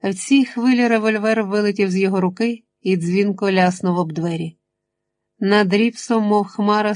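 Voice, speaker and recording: A woman narrating an adventure audiobook in a steady, measured reading voice. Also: mid-range voice. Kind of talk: scripted narration.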